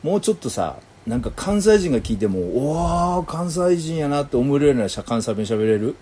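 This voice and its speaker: A man's voice: mid-range voice, very animated, fast, mellow, a little hiss or hum. A man chatting casually with an AI and teasing it playfully. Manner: teasing, playful, slips into Kansai dialect. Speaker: user chatting with an AI. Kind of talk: casual chat.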